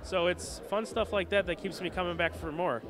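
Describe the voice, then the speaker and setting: A man's voice: sits high, fairly quick, a bit bright. A man chatting casually as the interviewer for a wrestling show. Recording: outdoor urban crowd and traffic noise.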